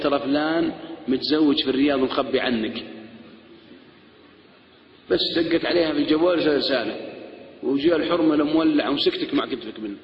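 A man's voice: medium pitch, a little hiss or hum. A man giving a humorous lecture as a preacher, telling jokey stories and acting out other people's voices. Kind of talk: humorous lecture with acted anecdotes. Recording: echoey hall, dull lo-fi sound.

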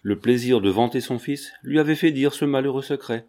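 Man calmly reading a novel. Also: medium pitch, brisk. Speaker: audiobook reader. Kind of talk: scripted narration.

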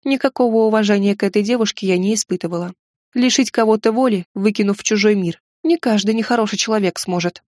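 A woman's voice: mid-range voice, quick pace, a little mellow, dry recording, studio quality. Woman reading a wry fantasy audiobook. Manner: wry, ironic storytelling. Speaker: audiobook narrator.

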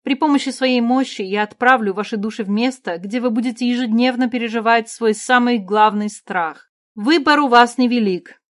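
A woman's voice: a little high, normal speed, voice pushed up, lightly acted. A woman reading a fantasy audiobook, voicing a commanding and resolute young queen with magic powers in a raised voice. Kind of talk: audiobook character voice.

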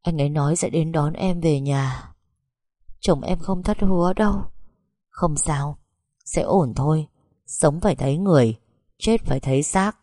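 A woman voicing a calm male rescuer in an audio story, steady and soothing. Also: low voice, measured pace, long pauses, no echo, clean studio sound. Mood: reassuring.

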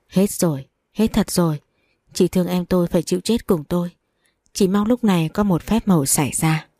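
Low mellow woman narrating a story. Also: dry recording.

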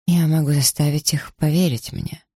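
A man reading aloud, putting on the voice of a quiet, resolute wronged wife who speaks evenly and firmly. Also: moderate pace, breathy edge, no echo, clean studio sound. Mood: steady. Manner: low, even, firm.

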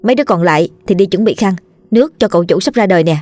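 A woman voicing a quick-witted young servant girl who talks briskly and scornfully. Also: medium pitch, lively intonation, soft background music, natural voice. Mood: brisk orders. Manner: brisk, sharp, contemptuous.

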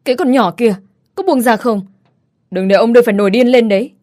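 A woman's voice: mid-range voice, a little fast, natural voice. A woman voicing an arrogant, mocking rich young man in an audiobook story reading. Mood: angry. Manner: taunting, scornful, then angry shouting.

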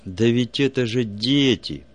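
Eager low-voiced alien curator read by a man, emphatic, storybook. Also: animated, moderate pace. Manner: emphatic, lecturing. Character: excited male alien project curator.

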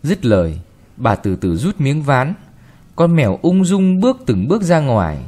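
A man reading a short story aloud with expressive, varied delivery. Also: medium pitch, moderate pace. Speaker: narrator.

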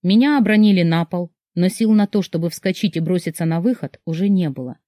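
A woman narrating a dark first-person novel as an audiobook, reading with tense emotion. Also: on the low side, brisk, no room sound, clean studio sound.

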